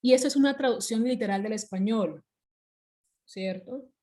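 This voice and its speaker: A woman's voice: a little high, normal speed, dark tone. A woman instructor explaining English grammar in an online class over a video call, patient and repeating herself as she goes.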